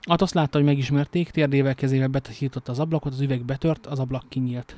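A man's voice: mid-range voice, fairly even intonation, darkish tone, no room sound. A man reading a novel aloud, stumbling now and then and adding casual joking asides. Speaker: amateur reader.

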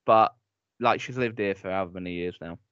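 A man's voice: deep voice, fairly quick, a bit bright, dry recording. A man with an Essex accent co-hosting a podcast, telling amused stories in casual banter. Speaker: podcast co-host. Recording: dull dry lo-fi podcast audio.

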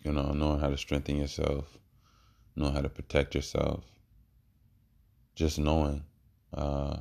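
Very deep, creaky-voiced man, musing slowly. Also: completely flat delivery, warm tone. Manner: halting, reflective, trailing pauses. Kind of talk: rambling spoken monologue.

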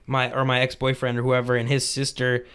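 A man tells a long story on a casual podcast, looping back on himself and leaning on "like" all the way through. His voice is smooth and clear, at an ordinary middle pitch. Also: completely flat delivery, a little fast, a bit bright. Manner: rambling, fills talk with "like". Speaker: podcast host.

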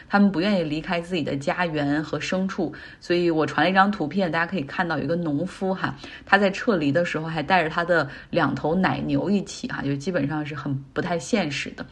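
Middle-aged woman, podcast host; low, husky voice, easygoing chatty commentary. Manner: chatty, explains English words in Chinese. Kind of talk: casual commentary.

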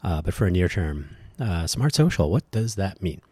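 Low, dark-voiced man hosting a podcast. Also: sing-song, moderate pace, slightly rough, dry recording, studio quality. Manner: rambling, self-correcting, wry asides. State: allergy-dulled voice. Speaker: podcast host. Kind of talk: solo podcast talk.

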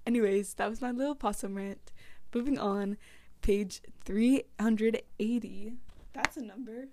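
A woman's voice: medium pitch, a little mellow. A teenage girl chatting casually about a book she is reading, rambling and giggly, with lots of "like". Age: teens. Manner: rambling, giggly, heavy use of "like". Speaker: book vlogger.

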